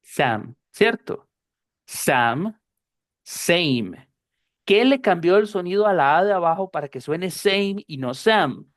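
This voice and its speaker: A patient woman teaching a class, talking at an unhurried pace in a fairly low voice. She repeats her points and checks that her students understand. The recording is dry and close. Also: animated, no echo. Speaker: English teacher. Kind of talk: explaining pronunciation in a class.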